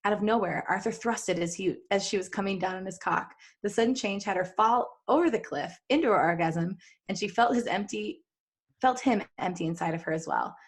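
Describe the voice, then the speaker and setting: Reading fan fiction on a podcast she co-hosts, a woman giggles and jokes her way through, pausing for offhand asides. Her pitch sits in the middle and her pace is fairly quick.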